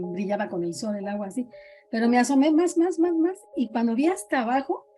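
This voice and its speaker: Middle-aged Mexican woman, dramatic teller of personal scary tales, mellow and a little high. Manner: dramatic storyteller, acts out quoted voices. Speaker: podcast guest sharing experiences. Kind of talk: casual storytelling chat.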